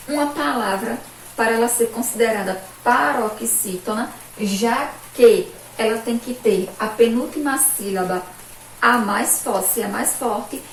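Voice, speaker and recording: A woman's voice: on the high side, distant mic, a little hiss or hum. A Brazilian Portuguese teacher woman giving a remote lesson to children, cheerful, drawing out syllables and asking pupils sing-song questions. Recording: echoey room, voice from off-mic.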